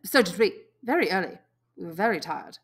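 A woman's voice: fairly low pitch, lively intonation, brisk, a bit bright, breathy edge, heavily acted. A woman as awkward, evasive twin boy. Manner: stifled, hesitant. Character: awkward, evasive twin boys making excuses.

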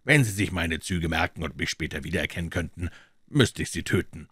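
A deep-voiced captor in a crime audiobook, as the reader plays him, speaking softly and courteously with cool menace. The voice stays low and even, recorded dry and close. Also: male voice, a little fast, breathy edge, no room sound. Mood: calm menace. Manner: quiet, courteous, coolly threatening. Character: calm polite menacing male captor.

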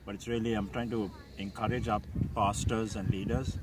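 A man's voice: fairly low pitch, flat delivery, moderate pace, distant mic, heavy background noise. A man in his forties from Sri Lanka, a pastor, speaking hesitantly with many fillers in an outdoor interview. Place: open hilltop outdoors.

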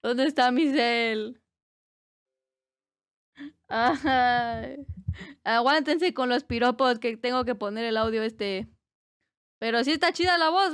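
Woman, Mexican accent, live-stream chat, playful teasing, high voice. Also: fairly bright tone. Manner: playful teasing, bursts of squealing laughter. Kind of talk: casual live-stream chat, reading chat aloud.

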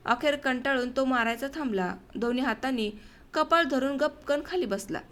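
A woman narrating an audiobook of a village short story in an expressive, measured way. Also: high voice.

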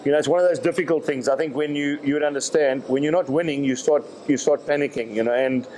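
A man, answering reporters' questions at a post-match press conference in a measured way, often repeating words as he thinks. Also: on the high side, fairly even intonation, darkish tone, slight background noise, low-quality recording. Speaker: rugby director of rugby.

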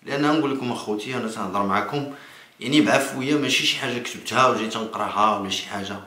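Quick-talking Moroccan man, echoey room. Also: fairly low pitch, pushed and bright. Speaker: political vlogger. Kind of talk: spontaneous political commentary to camera. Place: small indoor room.

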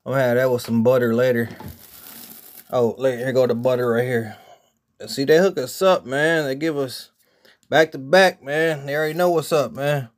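A man chatting casually in a vlog, showing off his groceries in relaxed slang. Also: medium pitch, moderate pace. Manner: laid-back slangy talk, showing off groceries. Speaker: vlogger.

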